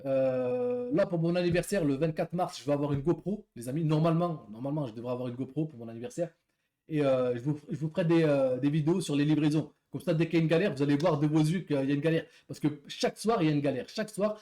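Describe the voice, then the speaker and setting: A man's voice: a little high, fast talker, warm tone. A man who works as a delivery rider, telling a story in a casual, rambling way, repeating words and talking to viewers as friends.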